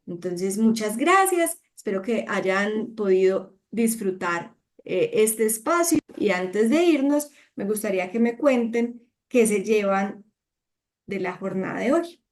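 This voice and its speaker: A woman speaker closing a communication workshop, explaining calmly and addressing the audience in an instructive way. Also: medium pitch, unhurried.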